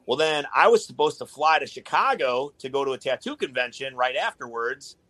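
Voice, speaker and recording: A man's voice: medium pitch, animated, fairly quick, a bit bright, no room sound. A man in a casual podcast chat, talking in a laid-back, rambling way with lots of swearing. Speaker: guest, tattoo artist.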